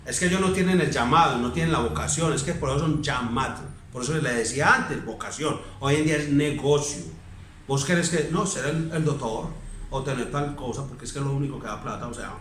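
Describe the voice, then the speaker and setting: A man's voice: medium pitch, brisk, a bit bright, reverberant, slight background noise. A man with a Colombian accent, a pastor giving a sermon, preaching in a conversational, emphatic way and asking his listeners rhetorical questions. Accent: Colombian Spanish. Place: church.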